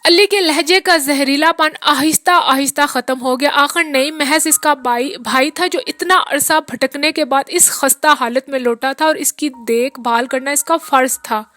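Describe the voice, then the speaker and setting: High-voiced woman reading a novel. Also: bright, forceful tone. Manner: measured literary narration. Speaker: audiobook narrator.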